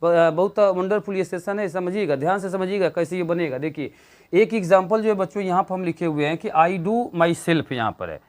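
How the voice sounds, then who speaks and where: A man's voice: sits high, brisk, darkish tone. A man teaching an English grammar lesson, constantly asking the class questions and answering them himself, with fillers and repeated key words.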